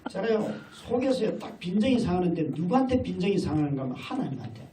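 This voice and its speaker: A man's voice: sits high, big pitch swings, quick pace. A middle-aged male pastor preaching a sermon, telling stories and acting out family dialogue. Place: large hall at a retreat. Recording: echoey hall from far off with faint noise.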